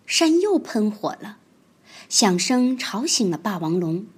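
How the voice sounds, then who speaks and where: A woman reading a children's picture book aloud, with expressive storytelling. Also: mid-range voice, a little slow, slightly rough.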